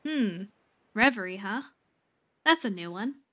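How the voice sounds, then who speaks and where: A woman voicing a polite, gentle young female traveler who is lost, in a role-playing game. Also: mid-range voice, animated, measured pace.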